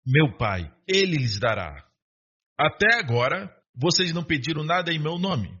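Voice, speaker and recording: A man's voice: a little high, big pitch swings, moderate pace, sharp tone, breathy edge, muffled recording. A man, preaching a sermon and often asking the congregation rhetorical questions and calling for an amen.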